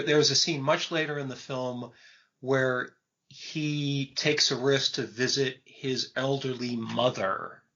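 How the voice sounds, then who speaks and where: A man in his fifties co-hosting a film podcast, talking in a measured, thoughtful way with frequent pauses. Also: medium pitch, bright, forceful tone. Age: 50s. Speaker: podcast host. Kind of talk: casual film discussion. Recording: dull lo-fi podcast audio.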